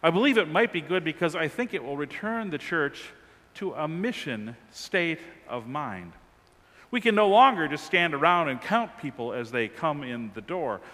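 A man in his forties delivers a sermon at a church lectern, his fairly high voice rising and falling in lively swings between strong emphasis and quiet drops. The sound carries a long reverb from the large sanctuary around him. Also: moderate pace. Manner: emphatic preaching with wide swings of pitch and volume, gesturing. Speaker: pastor.

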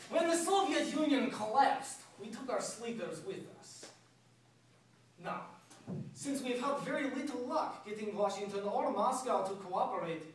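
A man playing a cold, taunting Russian terrorist hijacker in a dramatic monologue, speaking deliberately with a Russian accent. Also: sits high, a little hiss or hum. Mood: cold menace. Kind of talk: dramatic audition-style film monologue. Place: echoey room, away from the microphone. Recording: echoey room, distant microphone.

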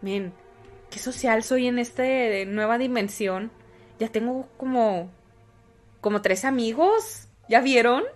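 High-voiced woman reacting to gameplay. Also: slow pace. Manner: animated, talks to the game characters. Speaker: gaming streamer. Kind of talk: casual gameplay commentary.

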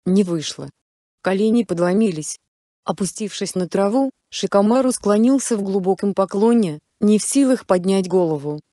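A woman narrating a story in a calm, steady reading voice. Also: mid-range voice, moderate pace, no echo, studio quality. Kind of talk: storybook narration of fan fiction.

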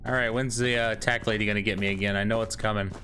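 A man's voice: fairly low pitch, flat delivery, very fast, sharp tone, a little hiss or hum. A man in his thirties giving scared, joking, sweary commentary as he streams a horror game, on a close mic. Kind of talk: casual gameplay commentary with swearing.

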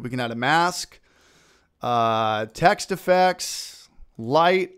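Casting note: man, mid pitch, smooth resonant voice, casual upbeat tutorial host narrating his clicks. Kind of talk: screen-recorded software tutorial.

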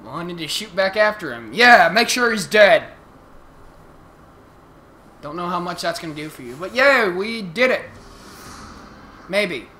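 A playful man commentates casually on a video game. His voice is high and animated, breaking into goofy exclamations at an unhurried pace. Clear game noise runs behind him. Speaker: let's play commentator. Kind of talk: casual, jokey gameplay commentary. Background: video game sound effects.

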